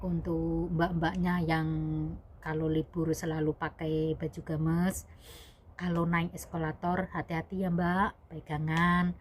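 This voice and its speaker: In a casual, rambling story full of self-corrections, a young woman vlogger employed abroad as a domestic worker addresses her audience as "guys." Her voice is low, with a slight hiss or hum on the audio.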